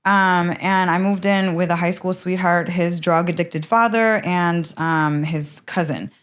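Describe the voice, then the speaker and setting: A woman's voice: fairly low pitch, fairly even intonation, a little slow, smooth. A woman from Michigan, a podcast guest telling her life story frankly in a chatty way, with lots of "like". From Michigan, USA. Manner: frank, chatty, heavy use of "like". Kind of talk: candid interview storytelling.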